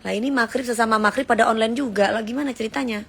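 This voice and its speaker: Lady doing a casual live, teasing and scolding viewers, voice a bit on the high side. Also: fast, vocal fry, slightly rough. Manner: sings short snippets mid-talk. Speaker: livestream host. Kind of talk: casual live-stream chat.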